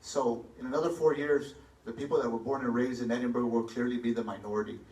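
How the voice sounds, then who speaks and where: This man talks fast in a medium-pitched, darkish voice with fairly even intonation. A mayoral candidate from Texas, he confidently and emphatically answers a forum question on stage in a large hall, holding a mic, captured from far back in echoey sound.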